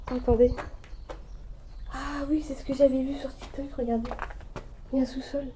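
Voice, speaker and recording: A young woman vlogging an urban exploration of an abandoned château, talking in a hushed, tense, hesitant way and often dropping into a whisper. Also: high voice, flat delivery, normal speed, noisy background. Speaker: urbex vlogger. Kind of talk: narrating while exploring.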